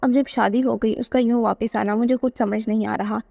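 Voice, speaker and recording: A woman's voice: a little high, steady tone, normal speed, vocal fry, mellow, no room sound. A woman voicing a worried young woman who confides in her mother, in a read-aloud novel.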